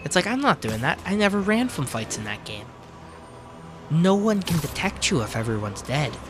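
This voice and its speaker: A man's voice: fairly high pitch, very animated, moderate pace, over music. A man casually commentating his gameplay, chatty and offhand with frequent swearing. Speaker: let's play host.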